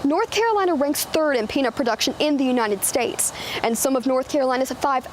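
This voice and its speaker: A woman's voice: high-pitched, a little fast, a little hiss or hum. A woman news reporter and anchor, speaking on camera and chatting in a friendly way in the studio.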